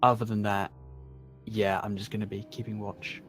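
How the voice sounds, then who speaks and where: A man's voice: on the low side, little pitch movement, normal speed, fairly bright tone, soft background music. A man playing in a tabletop game, explaining his plan loosely and repeating himself. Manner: loose, rambling. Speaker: player. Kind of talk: casual tabletop play.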